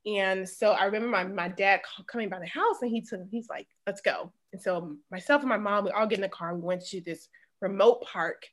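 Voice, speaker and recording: A woman's voice: medium pitch, brisk, fairly bright tone. A woman with a Southern Mississippi accent tells personal stories in a casual, conversational interview, with emphatic asides. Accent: Mississippi Southern American. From Mississippi, United States. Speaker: interview guest, former sprinter.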